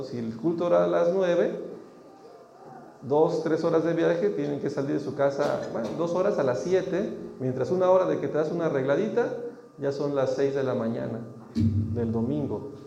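A man's voice: fairly high pitch, gravelly, dark tone. A man preaching a sermon in a church, with rising emphasis, who acts out little dialogues. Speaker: pastor. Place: church hall. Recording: echoey hall, dull sound, faint noise.

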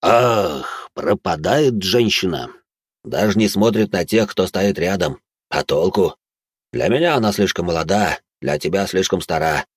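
A man's voice: low-pitched, lively intonation, unhurried, no room sound, heavily acted. A man voicing a mocking, battle-hardened old man in an audiobook who sneers and barks orders. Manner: gruff, sneering, barks commands.

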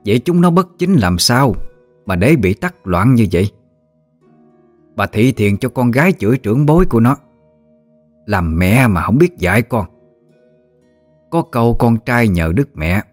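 A man doing a furious old grandmother. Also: mid-range voice. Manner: harsh, accusing tirade. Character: furious old grandmother scolding her in-laws.

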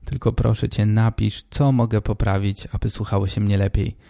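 Male podcast host, twenties; hoarse with a blocked, stuffy nose, very dark and mellow tone, informal solo monologue. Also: on the low side, little pitch movement, normal speed, no echo, clean studio sound. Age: 20s. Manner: informal, addressing the listener directly.

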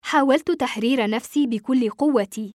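A woman narrating a novel in the first person, steady and expressive. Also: on the high side, moderate pace, dry recording, studio quality. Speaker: audiobook narrator.

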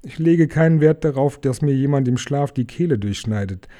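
Gruff, bullying troll in a storybook, dark mellow voice, read by a man. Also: medium pitch, lively intonation, normal speed, lightly acted. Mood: threatening. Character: quarrelsome threatening male troll.

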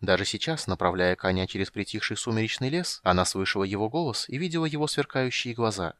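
A man reading a fantasy audiobook in a measured storytelling manner. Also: lowish voice, lively intonation, a bit bright, dry recording. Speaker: audiobook reader. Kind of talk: scripted audiobook narration.

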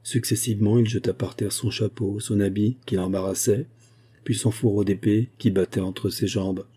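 A man narrating a classic adventure novel as an audiobook, with a measured, dramatic delivery. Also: lowish voice, fairly even intonation, mellow, slightly rough.

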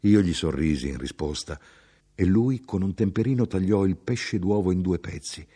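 Deep, husky male audiobook narrator. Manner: measured, expressive reading. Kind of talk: literary audiobook reading.

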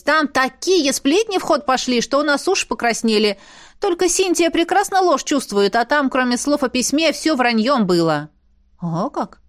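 A woman narrating a fantasy audiobook, reading every character's lines expressively. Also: a little high. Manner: lively, switches voices for characters.

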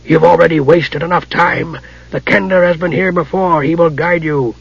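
A man voicing a menacing old male archmage with a dry, rasping voice, soft and slow. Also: a little high, fairly even intonation, dry recording, dull audio, voice pushed up. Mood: cold.

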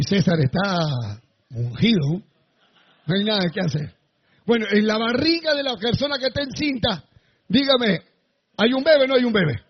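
A male pastor preaching a sermon to a congregation, with sudden shouted bursts. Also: extremely high pitch, breathy edge, highs cut off. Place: church before a congregation.

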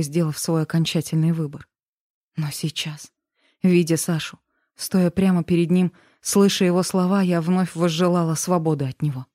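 A woman's voice: on the low side, mellow, no room sound, clean studio sound. Woman reading a dramatic romance audiobook. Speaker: audiobook narrator. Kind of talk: first-person romance audiobook narration.

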